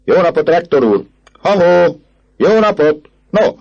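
A man voicing a rowdy crowd of young male students who shout mocking taunts in a much higher, louder voice than his narration. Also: sing-song, husky, dull audio, exaggerated voice.

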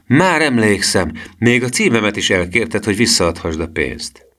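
A man's voice: on the low side, sing-song, fairly bright tone, pitched above the performer's own voice. A man voicing a friendly, genial newspaper reporter in a storybook reading.

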